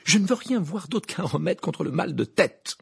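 Man reading a shaken teen boy, curt, husky, creaky. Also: mid-range voice, quick pace, dry recording, clean studio sound, heavily acted. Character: shaken teenage boy wizard student.

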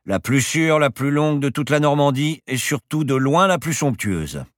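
A man's voice: fairly high pitch, expressive, moderate pace, no room sound, studio quality, pitched above the performer's own voice, close to an everyday voice. Man playing a boastful, teasing old professor. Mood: playful boastful. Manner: grandiose, teasing. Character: boastful eccentric old professor pilot, playful.

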